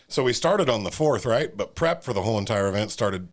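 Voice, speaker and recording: A man's voice: lowish voice, expressive, fairly quick. A man with an Ohio accent, a guest on a podcast, talking in a laid-back, folksy way that often trails off. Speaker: shooting center general manager, guest. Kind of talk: casual interview chat.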